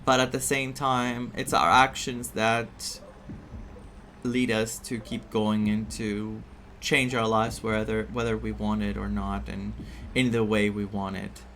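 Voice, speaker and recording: A man streaming a story game talks a little slowly, his lowish voice level in tone yet fairly bright, with slight background noise and game music behind him. Chatty and full of fillers, he mocks vague fortunes by imitating them in put-on voices.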